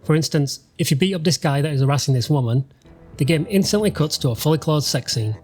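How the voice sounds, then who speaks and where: A man's voice: a little high, fast, a little mellow. A man from the UK, a gaming channel host, giving sarcastic, dryly mocking voice-over commentary over gameplay. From United Kingdom. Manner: sarcastic, dry mocking humour. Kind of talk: let's-play voice-over commentary.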